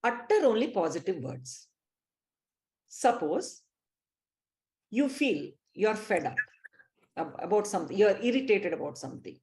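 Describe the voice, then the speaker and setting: A woman's voice: medium pitch, sing-song, unhurried, long pauses, a little mellow. A woman with an Indian English accent leading a live online spiritual class, speaking emphatically and addressing her listeners directly. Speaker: spiritual teacher.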